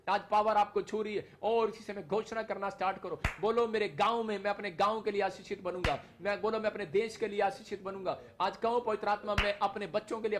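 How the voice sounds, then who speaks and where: High-voiced fervent preacher man. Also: slight background noise. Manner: leads the audience in repeated call-and-response declarations. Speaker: pastor. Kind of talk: fervent prayer sermon.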